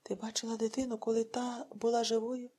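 A woman's voice: fairly high pitch, level tone, a little fast, mellow, slightly rough. A woman voicing a proud, bitter village wife who speaks curtly and harshly. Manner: curt, harsh.

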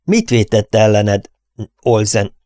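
A man voicing an earnest, sorrowful young man who speaks quietly and resolutely, in an audiobook. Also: fairly low pitch, very animated, no room sound.

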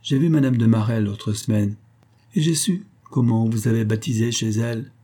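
A man reading an audiobook voices a calm, indifferent young society woman who speaks lightly and teasingly. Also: medium pitch, brisk, breathy edge, natural voice.

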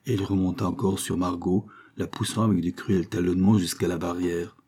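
A man narrates a classic novel in a low, dark voice with a husky edge. He reads steadily and evenly, lifting his pitch and volume for the characters' lines. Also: fairly even intonation, brisk. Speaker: audiobook narrator.

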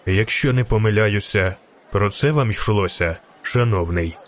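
A man voicing a calm, courteous barber with a coolly ironic manner, speaking lower than his narration in an audiobook reading. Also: measured pace, natural voice. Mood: coolly polite.

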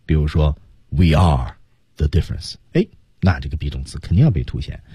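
A man hosting a radio English lesson, explaining step by step and slowly modeling English phrases. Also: deep voice, mellow, husky, dry recording. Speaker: English teacher and radio host.

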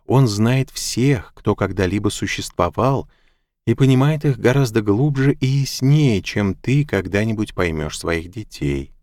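A man voicing a calm, gentle wise woman in an audiobook, quiet and patiently insistent. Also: fairly low pitch, measured pace, dry recording, studio quality. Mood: probing. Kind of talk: audiobook narration.

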